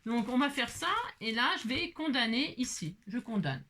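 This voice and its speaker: A woman's voice: a little high, lively intonation, normal speed, a bit bright, slight background noise. A woman hosting a casual crafting tutorial, chatting freely as she works and talking half to herself, with lots of little filler tags. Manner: chatty, many filler tags, talks to herself while working.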